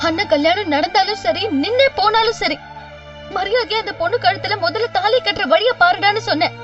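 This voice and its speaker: An earnest, pleading family-minded woman in her thirties, very high voice, serial drama with distant, dull sound and music behind. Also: fairly quick, a bit bright. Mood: tearful, angry. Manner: pleading, respectful, repeatedly says "sir". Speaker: lead character in a TV serial. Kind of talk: television serial acting. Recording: distant dull TV audio with background score.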